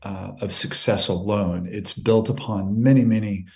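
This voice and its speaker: A man's voice: on the low side, steady tone, moderate pace, darkish tone. A man, head of a nonprofit, telling an emotional story in an interview and acting out both sides of past conversations. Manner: earnest, emotional, retells dialogue with quoted exchanges. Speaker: nonprofit CEO guest.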